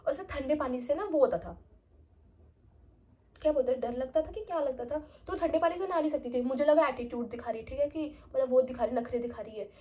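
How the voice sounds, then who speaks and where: High-pitched young woman telling a story. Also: brisk. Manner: animated, slips into quoted voices. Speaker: vlogger. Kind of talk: casual storytime chat.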